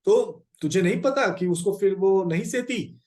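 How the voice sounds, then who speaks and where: A man's voice: sits high, a little slow, darkish tone, voice pushed up. A male teacher voicing a stern mother from a storybook, chiding her children. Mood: scolding. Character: scolding mother, grown woman, stern.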